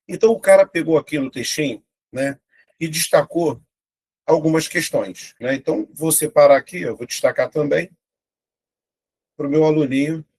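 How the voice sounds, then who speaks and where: A young adult man with a Brazilian Portuguese accent, teaching an online exam-prep grammar lesson and talking straight to his students. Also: mid-range voice. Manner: lively, talks to students directly with frequent "né?".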